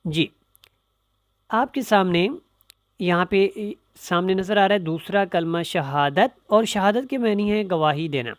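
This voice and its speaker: A man teaching Quranic pronunciation in a quick, matter-of-fact lesson voice. His tone is smooth and resonant. It sounds tight and dry, with no room echo. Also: high voice. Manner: brisk explaining voice, breaking into slow chanted recitation.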